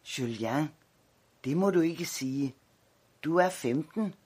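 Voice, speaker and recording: Hushed solemn old grandfather in an audiobook, voiced by a husky male narrator. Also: a little high, expressive. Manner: grave, hushed. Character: old grandfather, grave and quiet.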